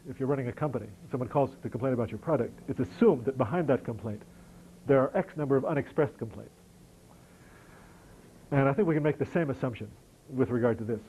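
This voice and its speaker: Middle-aged American lecturer in an audience Q&A, warm low voice, wry and self-deprecating. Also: male voice, slightly rough, rough recording. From United States. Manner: conversational, self-deprecating, wry humor, frequent restarts. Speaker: lecturer answering audience questions. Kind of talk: question-and-answer session after a lecture. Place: lecture hall.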